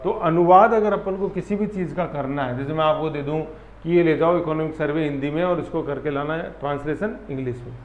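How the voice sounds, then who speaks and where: A man teaching an exam-prep class, lively and full of memory tricks, often checking that students follow. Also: fairly high pitch, a little fast, a little hiss or hum. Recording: roomy, dull lo-fi classroom sound.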